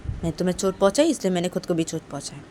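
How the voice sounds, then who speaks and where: A woman voicing an angry, stubborn young woman in a spoken love story, loudly scolding and repeating her accusations. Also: lowish voice, very animated, racing, slight background noise. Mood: defiant. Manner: loud scolding, repetitive accusing. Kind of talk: storytelling role-play.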